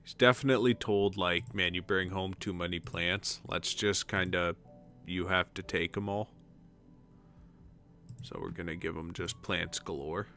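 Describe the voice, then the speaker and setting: A man's voice: sits low, fairly even intonation, a little slow, bright, forceful tone, soft background music. A man casually commenting as he plays a decorating game on stream, muttering to himself as he places furniture. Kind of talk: casual let's-play commentary.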